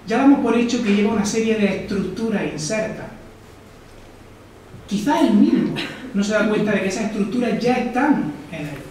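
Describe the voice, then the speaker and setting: A man from Almería, Spain, lectures in a reflective live talk, often putting questions to the audience. His voice sits high and sounds expressive and a little mellow, at a moderate pace. The recording has an echoey hall, a distant mic and slight background noise.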